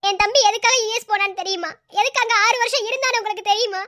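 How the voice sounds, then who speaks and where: A woman's voice: extremely high pitch, pushed and bright. A woman playing a sulking, resentful young wife. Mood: accusing. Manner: cold, accusing, rapid retorts.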